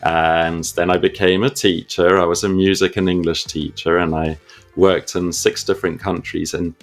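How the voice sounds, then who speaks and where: A man's voice: sits low, little pitch movement, moderate pace, soft background music. A man from Zimbabwe, a podcast co-host, talking casually as a guest and laughing easily. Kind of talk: casual interview talk.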